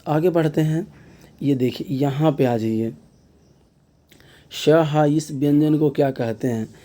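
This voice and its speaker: A man's voice: on the high side, takes it slowly, warm tone. A man teaching an exam-prep grammar lesson, explaining step by step and repeating key terms back as questions. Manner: frequent filler tags mid-sentence.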